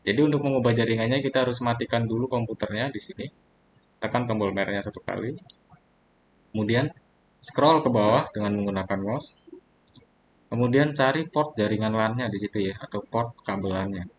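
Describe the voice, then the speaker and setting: A man walking viewers through a networking software tutorial step by step, pausing on fillers as he clicks along. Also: lowish voice, a little hiss or hum. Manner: steady step-by-step instruction with frequent fillers. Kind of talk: screen-recorded software tutorial.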